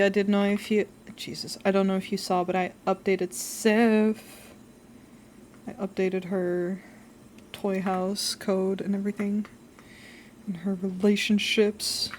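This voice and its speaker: A woman hosts a casual livestream in a cute anime-streamer way, friendly and welcoming. Her pace is slow and her pitch sits in the middle for a woman. Some background noise comes through behind her. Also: a little mellow. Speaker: livestream host, VTuber artist. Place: living room at home.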